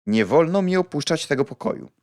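A man reading an audiobook and voicing a reserved, polite, old-fashioned gentleman with a hesitant, stiff manner. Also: on the high side, big pitch swings, fairly quick, voice pushed up. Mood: guarded.

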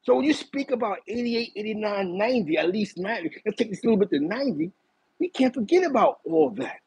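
A middle-aged man from East Harlem with a New York accent, telling stories in a casual chat from a small room, animated and talking with his hands. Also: high-pitched, fast talker, gravelly, slightly rough, no echo, poor audio. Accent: New York City. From East Harlem, New York City. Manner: animated, gestures a lot while reminiscing. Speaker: host. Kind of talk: casual storytelling to a live chat. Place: small bright room indoors.

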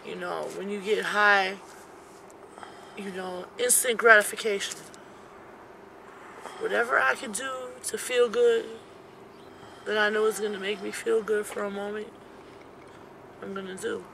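Young woman in a car getting interviewed, blunt and sweary, gravelly voice, bit of noise. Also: medium pitch, steady tone, measured pace, pauses often, sharp tone. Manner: blunt, streetwise, profane. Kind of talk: candid street interview. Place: back seat of a parked car. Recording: noisy car interior recording.

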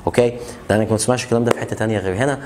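A man with an Egyptian Arabic accent giving a casual pronunciation lesson, repeating example words slowly and checking in with the learner. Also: on the low side, background noise. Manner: chatty, asks learners questions. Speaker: English teacher.

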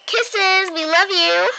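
A woman's voice: very high-pitched, very slow, gravelly, sharp tone, full character voice. A woman voicing a cheerful girl doll host in a sing-song, giggly way, on a noisy phone recording.

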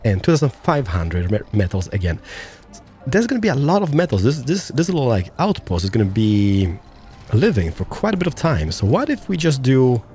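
A gaming channel host whose voice is hoarse and giving out delivers excitable gameplay commentary, breaking into sudden high-pitched exclamations.

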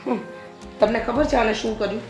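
A woman's voice: fairly high pitch, fairly quick, a little mellow, faint music behind, lightly acted. A woman with a Gujarati accent playing a scheming older mother-in-law who scolds and grumbles, in a short drama. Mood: complaining.

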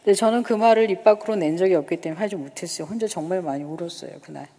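A woman's voice: lowish voice, rapid-fire, warm tone. A woman in her fifties from the Gyeongsang region, a missionary giving an emotional church testimony. She tells her story by acting out remembered dialogue and sometimes drops to a whisper. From Gyeongsang, South Korea. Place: church worship hall. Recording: reverberant church hall.

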